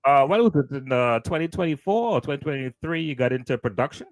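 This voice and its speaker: A man's voice: mid-range voice, lively intonation, quick pace. A man hosting a casual podcast interview, easygoing and full of affirming interjections. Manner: easygoing, constant affirming "yeah", conversational questions. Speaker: podcast host.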